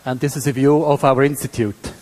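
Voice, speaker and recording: A man from Switzerland with a Swiss German accent, giving a technical conference lecture as a professor in a halting, hesitant way. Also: mid-range voice, steady tone, darkish tone. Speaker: university professor, conference speaker. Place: indoor hall at a tech conference. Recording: reverberant lecture hall.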